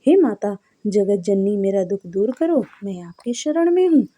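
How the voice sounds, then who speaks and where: A woman's voice: mid-range voice, expressive, a little slow, mellow. A woman reading a devotional story, voicing a poor, mistreated young wife who pleads humbly. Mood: pleading. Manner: pleading, tearful.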